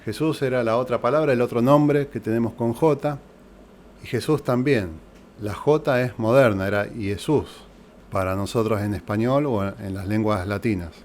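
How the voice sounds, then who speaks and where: In a church hall, a man with an Argentine Spanish accent preaches as a pastor, walking through his teaching point by point and tossing rhetorical questions at the congregation. He speaks at a normal pace with a medium pitch, and a faint hiss or hum sits under the recording.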